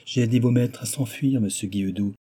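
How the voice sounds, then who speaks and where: A man's voice: mid-range voice, brisk, dark tone, husky, lightly acted. A man voicing an anxious young Japanese woman in an audiobook, pleading in a raised voice.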